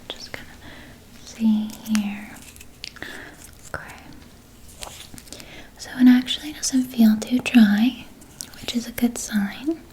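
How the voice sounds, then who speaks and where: In a whispered role-play, a woman plays a gentle, caring spa hair therapist, explaining things in a soft, breathy whisper and reassuring her client. Her pitch is fairly high, and the low-quality recording carries a slight hiss or hum. She comes across as gentle and attentive.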